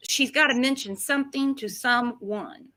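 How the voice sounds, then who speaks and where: Female true-crime host, sarcastic and chatty, bright forceful voice sitting a bit high. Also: moderate pace. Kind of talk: casual true-crime commentary chat.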